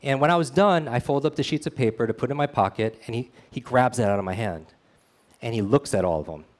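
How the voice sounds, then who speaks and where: A man delivers a motivational talk built around a personal story. His voice sits at an ordinary middle pitch. He speaks earnestly and keeps turning to the audience with quick questions. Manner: earnest, speaks straight to the audience with frequent "right?". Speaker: speaker at a meetup.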